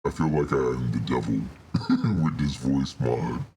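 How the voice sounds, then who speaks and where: A man talking casually while a voice changer pitches his voice very deep. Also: measured pace, gravelly, mellow, slight background noise, exaggerated voice. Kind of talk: casual product demo.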